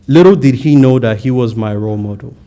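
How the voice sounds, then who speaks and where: A man's voice: medium pitch, a little fast, dark tone. A young man giving an earnest, prepared valedictory speech at a college graduation, with occasional stumbles on words.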